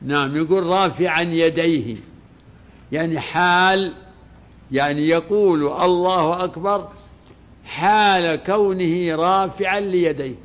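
A religious scholar with a slightly high, fairly bright voice gives a classroom lesson explaining a legal text. He speaks deliberately and repeats phrases as he explains.

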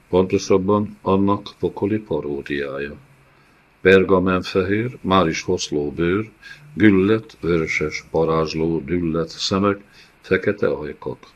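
A man reading a dark fantasy story aloud in measured, steady audiobook narration. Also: low-pitched. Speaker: audiobook reader.

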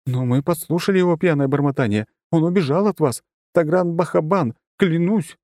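Scared, gabbling village mother performed by a male narrator, voice pitched up high. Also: normal speed, a little mellow, no echo, studio quality, natural voice. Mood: frantic. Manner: gabbling, pleading. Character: frantic pale older village mother.

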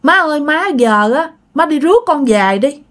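A woman voicing the spirit of a dead young man who pleads with his mother on the phone in a high, whiny voice. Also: expressive, normal speed. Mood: pleading.

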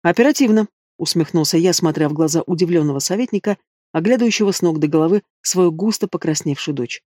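A man's voice: fairly high pitch, fast, a little mellow, no echo. A man reading a first-person fantasy audiobook in a dry, sardonic tone on a close mic. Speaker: audiobook reader. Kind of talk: scripted first-person narration.

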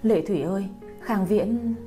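A woman's voice: mid-range voice, animated, dark tone, faint music behind, natural voice. A woman reading a crying older mother. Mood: anxious. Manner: hurried, tearful.

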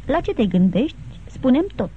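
A woman's voice: high voice, very animated, slight background noise, voice pushed up. A woman voicing a tender young bride in an audiobook, reading her lines with emotion. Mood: alarmed. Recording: tinny phone-like sound.

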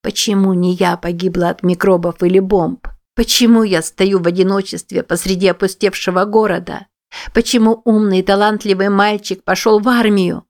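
A woman narrating a first-person story in a measured, somber reading. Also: medium pitch, steady tone, a little mellow. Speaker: audiobook narrator.

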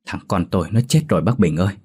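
A man's voice: low-pitched, quick pace, darkish tone, slightly rough. A man voicing a frightened, grieving middle-aged village father whose words tremble with fear. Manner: trembling, fearful.

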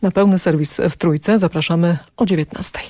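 A woman newsreader giving a scripted radio news bulletin in an even, measured way. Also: lowish voice. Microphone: studio microphone.

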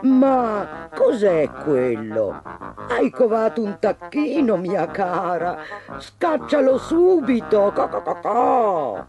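A man voicing nosy, gossiping farmyard hens in a storybook, with shrill cackling and clucking. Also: very animated, slow pace, over music, heavily acted.

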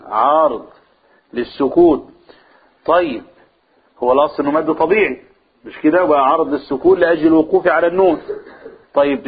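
Man, Egyptian Arabic accent, religious lesson, asks and answers his own questions, fairly high voice, husky, phone-like recording. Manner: asks the room questions and answers them himself; draws out vowels to demonstrate recitation. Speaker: teacher of a religious text.

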